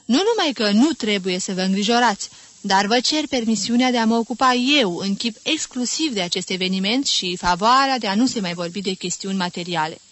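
A woman's voice: mid-range voice, lively intonation, fairly bright tone, dry recording, close to an everyday voice. A woman reading an audiobook, voicing a formal, courteous young man asking for a marriage. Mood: earnest.

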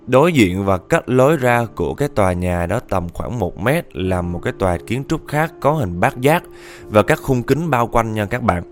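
A man telling a ghost story in a casual, chatty way, often speaking straight to his listeners. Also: on the low side. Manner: chatty, addresses listeners directly.

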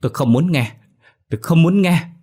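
A man's voice: lowish voice, big pitch swings, quick pace, a little mellow, breathy edge. A man voicing a furious young concubine. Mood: screaming. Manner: sobbing, screaming accusations.

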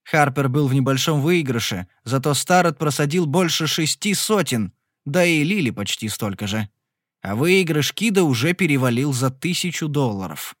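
A man's voice: fairly high pitch, lively intonation, normal speed, no echo. Male audiobook narrator, dry close sound. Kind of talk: scripted narration. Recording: dry close studio recording.

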